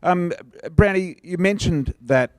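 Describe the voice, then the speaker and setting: A man's voice: high voice, a little mellow, clean tone, no room sound, studio quality. A middle-aged Australian man hosting a casual sports panel, chatty and teasing. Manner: chatty, teasing, quick to laugh. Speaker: host.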